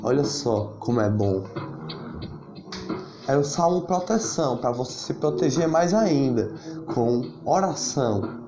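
A man telling a story in a slow, half-sung rap delivery. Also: mid-range voice, expressive. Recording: roomy, dull, guitar music behind.

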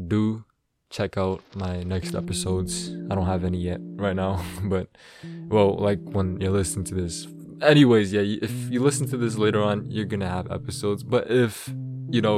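An eighteen-year-old man, hosting a casual solo podcast intro in a slangy, rambling, self-aware way. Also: fairly low pitch. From Toronto, Canada. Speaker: podcast host.

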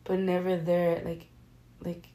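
Casting note: young woman, low mellow voice, soft-spoken and rambling, casual podcast co-host. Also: monotone, takes it slowly, low-quality recording. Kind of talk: casual chat.

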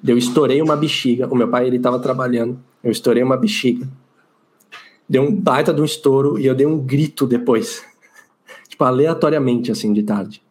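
Relaxed Brazilian man chatting casually. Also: medium pitch, fairly quick. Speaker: podcast co-host. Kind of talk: casual chat.

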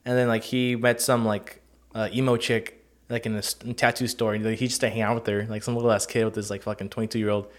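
A man's voice: fairly low pitch, little pitch movement, fast. A man in casual, profane chat about cartoons, acting out the lines he quotes in put-on voices.

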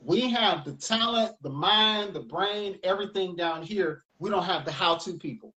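A man's voice: high-pitched, moderate pace, low-quality recording. A man from the United States, a music teacher, telling stories in a casual, rambling interview chat. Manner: animated, rambling storyteller.

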